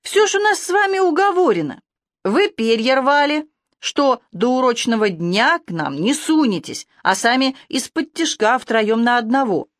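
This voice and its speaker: A woman's voice: on the high side, very animated, moderate pace, dry recording, clean studio sound, voice pushed up. A woman reading the part of a defiant, sneering young male falcon shapeshifter held captive, in a storybook audio reading. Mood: accusing.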